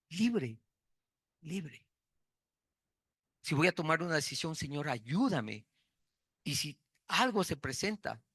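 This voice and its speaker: A man's voice: fairly high pitch, a bit bright, dry recording, studio quality. A man preaching a sermon, repeating key words for emphasis and telling personal stories.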